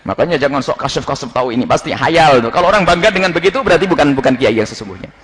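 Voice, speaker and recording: A man preaching a sermon with an animated, mocking manner, often mimicking others in quick asides. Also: mid-range voice, big-room sound, a crowd in the background.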